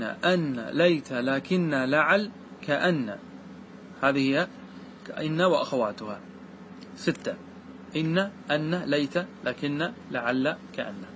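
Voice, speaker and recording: A man teaching a grammar lesson, often asking his students questions and answering them himself, and reciting examples slowly. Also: fairly high pitch, fairly bright tone, a little hiss or hum, rough recording.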